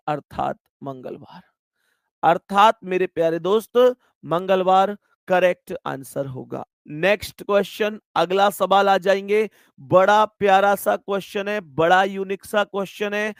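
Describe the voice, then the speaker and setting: Man, exam-prep teacher, high voice, gravelly, dry close sound, chatty, affectionate. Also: no room sound. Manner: chatty, affectionate, repeats "my dear friends". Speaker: maths and reasoning teacher. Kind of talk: exam-prep online class.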